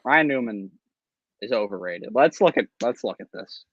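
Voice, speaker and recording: A man's voice: mid-range voice, animated, no room sound, highs cut off. A man hosting a casual racing podcast chat, teasing his co-hosts and joking around. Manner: joking, quick to tease. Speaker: podcast host.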